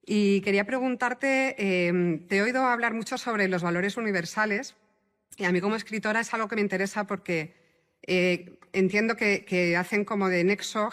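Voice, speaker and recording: A woman's voice: medium pitch, a bit bright. A woman, an audience member, politely asking a speaker a question, hesitating with fillers. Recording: long hall reverb.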